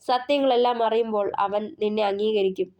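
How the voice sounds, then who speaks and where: A woman voicing a calm man who slowly consoles a crying young woman in an audio story. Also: mid-range voice, lightly acted. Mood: soothing. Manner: slow, soothing.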